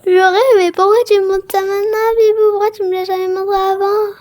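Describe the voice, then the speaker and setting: A woman's voice: very high voice, little pitch movement, a little fast, a little mellow, no echo. A woman casually commenting on a game she plays for viewers, chatty and full of exclamations and filler words. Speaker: gaming vlogger.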